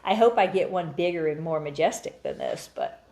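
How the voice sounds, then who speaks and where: A woman talks in a bright, exclamatory way, her pitch swinging up and down as she chats with her partner. She sounds lively and openly excited, breaking into laughter. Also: normal speed. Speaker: co-host, pageant contestant. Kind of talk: casual couple's chat.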